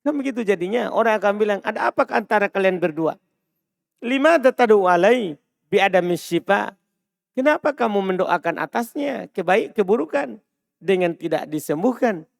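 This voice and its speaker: A man's voice: high-pitched, lively intonation, normal speed, creaky, dry recording, clean studio sound. A man teaching a grammar lesson, explaining phrases step by step and checking that his students follow. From Indonesia. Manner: switches between quoted phrases and plain explanation, asking "paham kan?". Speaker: Arabic teacher.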